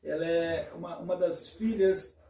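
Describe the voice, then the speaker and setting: Measured, hesitant pastor in an echoey room. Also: male voice, on the high side, steady tone, gravelly, dark tone. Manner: measured, hesitant, with frequent fillers. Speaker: pastor and host. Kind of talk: casual theological conversation. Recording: echoey room, distant from mic.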